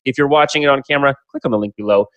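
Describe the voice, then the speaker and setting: A man's voice: medium pitch, very fast, a bit bright, no echo, dull audio. A man hosting an online summit, talking conversationally and emphatically, explaining things in simple steps with rhetorical questions. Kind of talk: conversational interview introduction.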